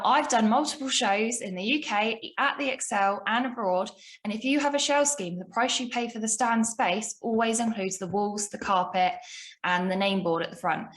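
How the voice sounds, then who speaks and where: A woman's voice: medium pitch, a bit bright, poor audio. A woman co-hosting a business podcast, telling a story emphatically and with indignation. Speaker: podcast co-host. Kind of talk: casual business podcast chat.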